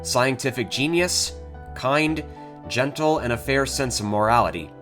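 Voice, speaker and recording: A man's voice: medium pitch, lively intonation, a little slow, a bit bright. Man narrating a scripted video over music. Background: guitar music.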